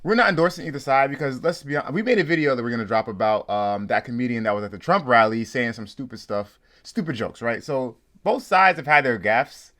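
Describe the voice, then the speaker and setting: Commentary co-host: American man, fast-talking with lively pitch, informal and opinionated. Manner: informal, conversational, agreeable with co-host. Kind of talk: casual opinionated commentary chat.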